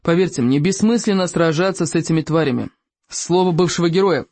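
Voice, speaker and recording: An audiobook reader voicing a weary, grave former hero who speaks slowly and earnestly. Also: medium pitch, a little mellow, no room sound, close to an everyday voice. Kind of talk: audiobook character voice.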